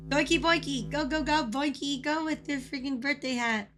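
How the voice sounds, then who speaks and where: A woman with a hoarse voice, chatting casually and excitably on a game stream, repeating phrases as she goes. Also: high voice, moderate pace, over music. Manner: swears casually. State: hoarse from coughing. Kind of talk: casual live-stream chat.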